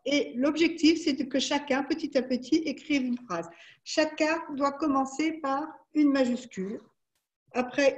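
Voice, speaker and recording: High-voiced woman explaining educational games. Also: a little mellow, muffled recording. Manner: patiently walks through game rules step by step. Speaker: webinar presenter demonstrating educational games. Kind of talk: explaining a product webinar.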